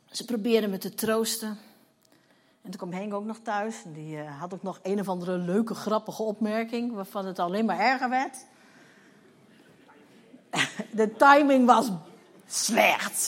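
A woman in her fifties, a church leader, giving a personal testimony sermon and telling her story vividly while acting out the dialogue. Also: medium pitch. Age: 50s.

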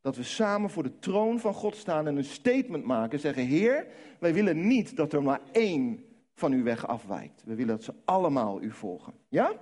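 A man's voice: a little high, big pitch swings, moderate pace, darkish tone. Fervent male pastor leading prayer. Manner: fervent, urging the congregation. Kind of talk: leading church prayer and preaching. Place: church service.

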